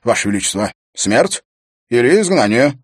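A man reading an audiobook, voicing a fussy, insistent male royal chamberlain whose formal talk rises to shrill protest. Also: sing-song, moderate pace, slightly rough, no echo, clean studio sound.

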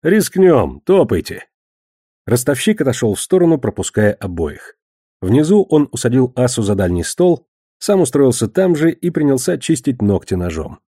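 A man narrating an audiobook in a steady, even reading. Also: medium pitch, moderate pace, slightly rough, no echo, studio quality.

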